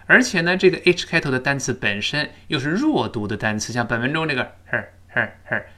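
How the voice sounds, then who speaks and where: A man teaching spoken English, explaining words and then drilling them slowly for learners to repeat. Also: mid-range voice, animated, sharp tone.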